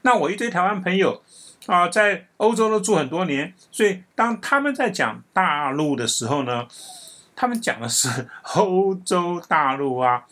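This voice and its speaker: A man from Taiwan, telling a casual story as a commentator in a chatty way that ends phrases with drawn-out particles. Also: high-pitched, animated, fairly bright tone.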